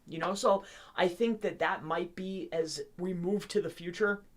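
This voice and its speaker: A man's voice: sits high, fairly even intonation, a little slow. Rambling, chatty man teaching live. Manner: rambling, chatty, talking on nonstop; informal, addresses viewers directly. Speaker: host of an SEO tutorial livestream. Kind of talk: casual live tutorial.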